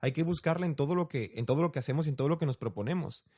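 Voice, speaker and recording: A man's voice: on the high side, very fast, darkish tone, slightly rough. Young man, reflective. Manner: storytelling, reflective, asks rhetorical questions. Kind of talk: casual conversational chat.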